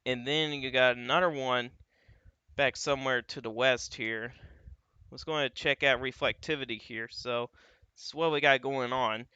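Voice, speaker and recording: A man hosts a live weather stream, walking through radar images with casual, thinking-aloud commentary full of "uh" and "you got." His mid-range voice is steady, sharp and clean at a moderate pace, though the recording is dry and the audio dull.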